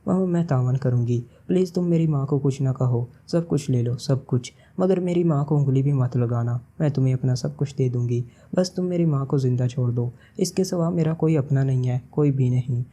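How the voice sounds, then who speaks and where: A man's voice: medium pitch, hardly any pauses, dark tone, natural voice. A man reading the lines of a desperate princess who pleads tearfully for her mother's life. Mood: pleading. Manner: tearful, begging.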